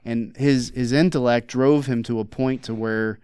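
A man's voice: mid-range voice, steady tone, normal speed, a little mellow, smooth, dry recording, clean studio sound. A man co-hosting a casual podcast, rambling through his points with lots of fillers and restarts. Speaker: podcast co-host. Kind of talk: casual conversational podcast chat.

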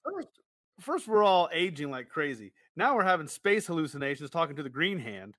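A man's voice: on the high side, big pitch swings, moderate pace, a bit bright, no room sound. A man co-hosting a casual show, chiming in with joking asides. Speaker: podcast co-host. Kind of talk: casual chat.

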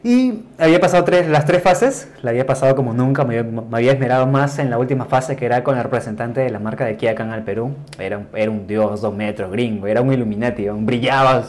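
A man with a Peruvian Spanish accent, a podcast host telling a work anecdote in a rambling, casual way that trails off quieter at the ends of phrases. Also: medium pitch, quick pace, hardly any pauses. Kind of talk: casual storytelling.

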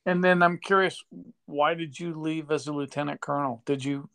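A male interviewer hosting a relaxed conversation and drawing stories out of his guest. His voice is a bit high and gravelly with fry. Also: moderate pace. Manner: brief affirmations, friendly questions. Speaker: interviewer host. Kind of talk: casual interview.

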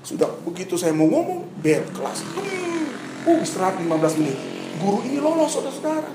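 A man from Papua telling a personal testimony story to an audience, dramatic, acting out scenes and swinging between loud bursts and hushed asides. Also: very high-pitched, very animated, a little fast, roomy sound, background noise. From Papua, Indonesia. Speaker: speaker giving a personal testimony.

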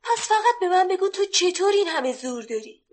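Casting: a tiny, earnest storybook sparrow with a high voice, radio play. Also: female voice, sing-song. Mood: pleading. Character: small pleading young sparrow. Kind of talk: 1970s children's radio story acting.

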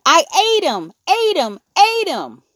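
An impish toddler boy, babyish and singsong in a very high voice, as a woman puts him on for a storybook. Lively swings in pitch, with a dry, close sound. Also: slow, dry recording, heavily acted. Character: mischievous giggly toddler boy.

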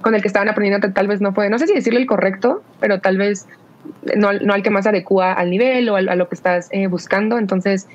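A woman's voice: mid-range voice, fairly even intonation, quick pace. A woman talking casually in a podcast discussion, hesitant, with many restarts and fillers. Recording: dull lo-fi sound.

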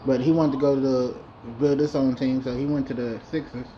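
A man's voice: mid-range voice, little pitch movement, fairly quick, lo-fi sound, a little hiss or hum. A man talking through a basketball video game franchise in loose, profane, rambling chat. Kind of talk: casual gameplay commentary.

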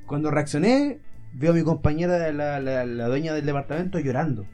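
A young adult man with a Chilean accent, casually telling a story among friends, animated and full of slang. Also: on the high side, fairly quick, loud music behind the voice. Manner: animated, slangy, laughs loudly.

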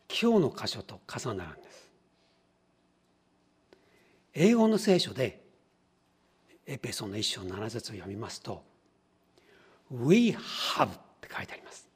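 A man's voice: medium pitch, slightly rough. A man preaching a sermon as pastor, teaching in a questioning way and acting out small everyday scenes. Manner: teacherly, poses questions to the congregation; acts out little everyday scenes in different voices.

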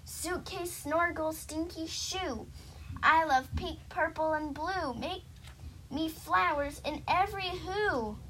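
A woman's voice: extremely high pitch, slow, bright, forceful tone, recorded from a distance, slight background noise, voice pushed up, full character voice. A woman reading a storybook aloud, voicing a dramatic little girl who commands and chants rhymes. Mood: commanding. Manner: commanding, theatrical.

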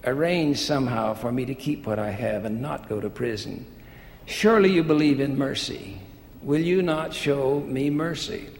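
A man's voice: mid-range voice, normal speed, creaky, darkish tone, close to an everyday voice. A man reading a pleading desperate debtor. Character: desperate male debtor begging for mercy. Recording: echoey hall with faint hiss.

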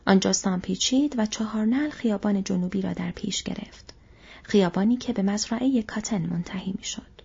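Breathy woman narrating a story. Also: medium pitch, a little mellow. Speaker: audiobook narrator. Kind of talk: scripted audiobook narration. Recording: dull lo-fi audio.

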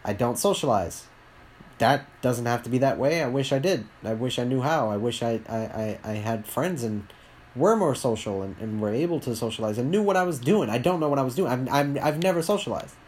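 A man, talking alone on his podcast in a rambling, candid way, often halting and restarting his sentences. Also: mid-range voice, expressive, darkish tone. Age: 20s. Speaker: podcast host. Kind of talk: solo podcast monologue.

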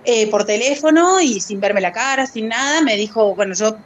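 A woman's voice: on the high side, animated, moderate pace, slight background noise. A woman guest speaking as a fat activist, telling a personal story in a hesitant way, with many fillers and laughs between phrases. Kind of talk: conversational storytelling.

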